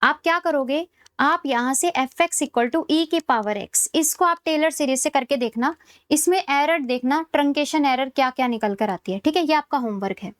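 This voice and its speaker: A woman with a high voice teaches an exam-prep maths lecture, working through each step patiently and pausing to ask whether the class is following. She slows almost to dictation when reading out formulas. The recording is dry and close, with no room sound. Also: no echo. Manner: explains step by step, checking in with "है ना?" and "ठीक है?".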